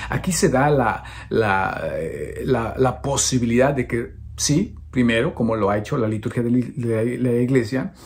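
A man preaches a homily, unpacking a scripture passage at an unhurried, very slow pace. His pitch sits in an ordinary middle range, and his delivery is deliberate. He searches for the right word and keeps turning to his listeners with small checks for agreement. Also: darkish tone. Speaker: priest.

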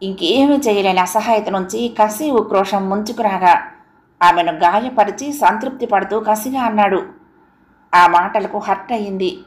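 A woman's voice: medium pitch, moderate pace. A woman narrating an audio novel in an emotive, dramatic reading style. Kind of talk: expressive storybook narration. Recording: roomy echo.

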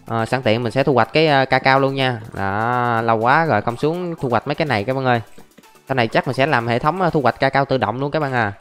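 A gaming YouTuber, young and male, speaks fast in a mid-range voice with a slightly bright quality. He keeps up casual Let's Play chatter about every step of his gameplay and calls out to his viewers as faint music plays.

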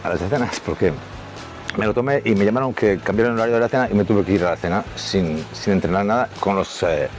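A man's voice: lowish voice, quick pace, slight background noise. A man from Spain, an adult film actor, telling anecdotes casually to the camera, rambling with many restarts and fillers, and acting out quoted lines in a raised voice. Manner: acts out quoted dialogue in a raised voice.

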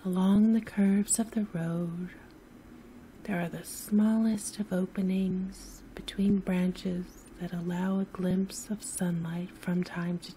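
A woman with a very mellow, dark-toned voice narrates a sleep story. She is soft-spoken and soothing, often drifting near a whisper. Her pace is very slow and unhurried, with faint noise behind her. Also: fairly low pitch, rough recording. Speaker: host and narrator of sleep stories.

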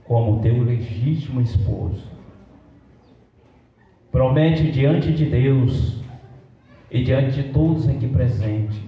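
A man with a Brazilian Portuguese accent leads a wedding ceremony as officiant, speaking solemnly in measured phrases with pauses. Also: medium pitch. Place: large metal-roofed event hall with guests. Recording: roomy, muffled, distant, slight background noise.

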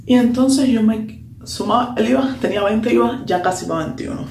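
A woman's voice: a little high, brisk, vocal fry. A young woman, animatedly telling a personal story in a casual vlog. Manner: animated, lively retelling with slang and English asides. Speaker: vlogger. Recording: echoey room with faint hum.

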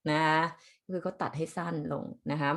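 A woman with a Thai accent, teaching as a language teacher and explaining phrases to her students in a chatty way with polite sentence endings. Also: normal speed.

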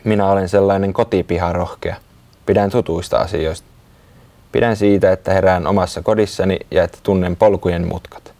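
A man's voice: deep voice, steady tone, vocal fry. A man voicing Sisu, a small touchy creature who speaks curtly. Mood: sulky. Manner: curt, sulky, then shyly warm.

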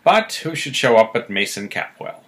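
A man co-hosting a podcast, casually recapping episodes with relaxed pauses. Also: mid-range voice. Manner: relaxed, recounting plot with pauses. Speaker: podcast co-host.

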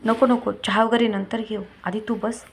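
A woman voicing a worried, loving middle-aged husband who speaks gently and pleads. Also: on the high side, little pitch movement, moderate pace, close to an everyday voice. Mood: earnest.

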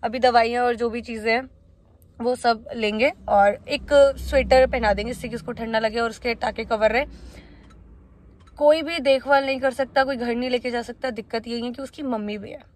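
Young woman, twenties, casual vlog talk, slightly high voice, phone camera in a car. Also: fairly even intonation, moderate pace. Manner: chatty, mixes English words into speech. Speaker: vlogger. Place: inside a parked car by day. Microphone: phone held at arm's length.

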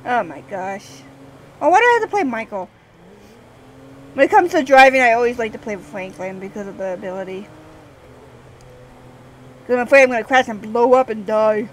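A woman's voice: a little high, expressive, normal speed, pauses often, slight background noise, low-quality recording. A woman in her twenties chatting and rambling casually while commentating her gameplay. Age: 20s. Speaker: let's player.

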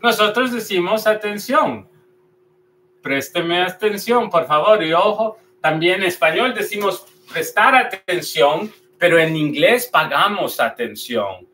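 A male language teacher with a bright, fairly high voice. He talks at an unhurried pace, stressing and repeating each word so learners can copy it. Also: expressive, a little hiss or hum. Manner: patient, repeats each word slowly and with emphasis. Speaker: English pronunciation teacher. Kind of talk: explaining pronunciation in a video lesson.

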